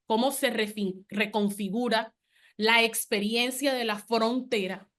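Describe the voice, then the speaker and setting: A woman's voice: mid-range voice, fairly bright tone. A woman moderating a panel conversation, formally introducing guests and posing the opening question. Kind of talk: reading a guest introduction, then hosting.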